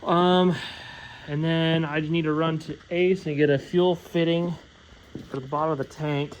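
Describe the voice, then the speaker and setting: A man's voice: fairly high pitch, steady tone, normal speed, slight background noise. A man giving a casual, rambling update on fixing his car, with lots of fillers as he lists the jobs left. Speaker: vlogger working on his car.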